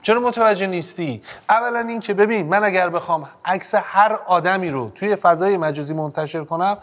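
A man's voice: high-pitched, a bit bright. An actor playing a stern male judge in a courtroom TV drama, firm and lecturing, repeating his orders.

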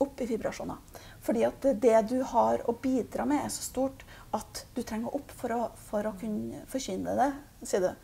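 A woman giving a spiritual reading, speaking calmly and haltingly with many fillers. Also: on the high side, vocal fry, breathy edge. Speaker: intuitive reader.

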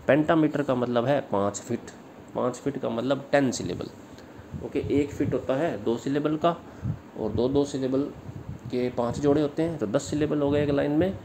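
A male literature teacher with an Indian English accent, reading English lines slowly and then explaining them in Hindi. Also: mid-range voice, a little mellow, slight background noise. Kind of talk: exam-prep lecture.

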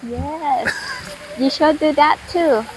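A woman's voice: high voice, slow pace, slight background noise, rough recording. A woman chatting casually with her husband at an outdoor restaurant, giving short playful replies. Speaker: host's wife. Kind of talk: casual chat.

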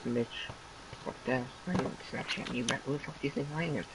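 A man's voice: mid-range voice, fast, heavy background noise. A man bantering crudely with a friend, swearing constantly and mocking in a casual chat.

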